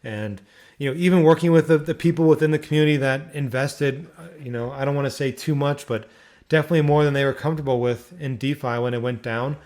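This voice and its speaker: A man's voice: fairly high pitch, fast talker, a little mellow. Rambling Philly man hosting a chat. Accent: Philadelphia. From Philadelphia, Pennsylvania. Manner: rambling, repeats words, lots of fillers. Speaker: community AMA host. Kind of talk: casual community livestream talk.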